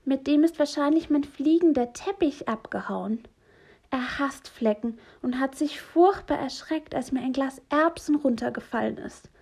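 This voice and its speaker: A woman voicing a chatty, flustered witch stuck in her pantry, hurried and talkative. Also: high-pitched, a little mellow, voice pushed up.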